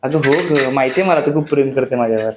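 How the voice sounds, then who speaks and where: A man's voice: mid-range voice, quick pace, noisy background. A young man vlogging a casual family chat with his wife, chatty and teasing, often repeating his words. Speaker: vlogger husband.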